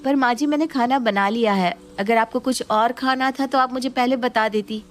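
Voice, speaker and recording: A woman voicing a short-tempered young wife in a sharp, indignant way. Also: fairly high pitch, moderate pace, pitched above the performer's own voice, close to an everyday voice. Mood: protesting.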